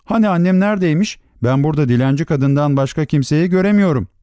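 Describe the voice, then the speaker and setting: A man's voice: a little high, fast talker, darkish tone, smooth, dry recording, studio quality, close to an everyday voice. An actor playing a vain, cruel boy who speaks in a haughty, snapping, contemptuous way in a storybook reading. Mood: scornful.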